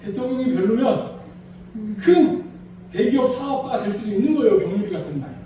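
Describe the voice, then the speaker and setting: A male pastor preaching a Sunday sermon in a small church, animated and acting out quoted voices. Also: very high-pitched, fairly quick, very echoey, recorded from a distance, dull audio, a little hiss or hum.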